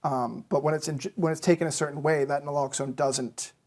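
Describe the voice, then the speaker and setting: Fairly quick and a little mellow, this young man's voice is fairly high-pitched and steady in tone. He's a Massachusetts medical student giving careful, explanatory interview answers, hesitating often with ums.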